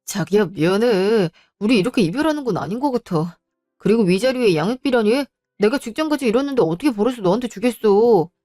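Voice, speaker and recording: A woman's voice: medium pitch, animated, brisk, warm tone, faint music behind, close to an everyday voice. A woman voicing a cheating husband and father who pleads and makes excuses in a defensive, wheedling way. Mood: pleading. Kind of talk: storybook voice acting.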